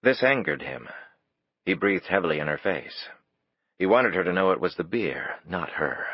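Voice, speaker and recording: Low, husky male narrator, measured scripted reading, dry and muffled recording. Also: animated, no room sound. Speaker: audiobook narrator. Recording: dull, dry, lo-fi.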